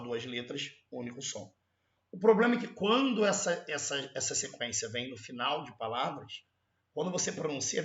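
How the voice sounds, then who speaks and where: A man's voice: fairly high pitch, reverberant, dull audio. Emphatic Brazilian man teaching. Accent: Brazilian Portuguese. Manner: animated, emphatic, drawn-out sounds. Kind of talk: exam correction lesson.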